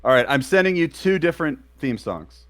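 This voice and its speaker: A man co-hosting a casual live stream, trailing off and restarting his sentences often. His voice is a touch high and swings widely in pitch, with a relaxed, offhand delivery. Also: fairly quick. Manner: hesitant, rambling, many ums. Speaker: co-host.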